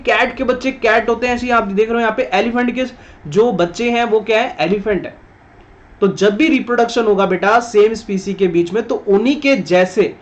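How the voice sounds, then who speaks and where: A man teaching a science lesson to students, patiently repeating points and checking that they follow. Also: sits high. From India. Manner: patient, repetitive, addresses students as "beta", frequent "theek hai". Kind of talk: online class lecture. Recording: dull lo-fi recording.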